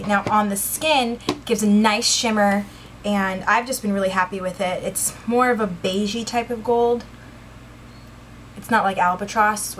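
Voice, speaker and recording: A woman's voice: mid-range voice, a bit bright, slight background noise. Chatty woman reviewing makeup. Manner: chatty, filler-heavy, enthusiastic about products. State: out of breath. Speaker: beauty vlogger. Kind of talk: casual product review.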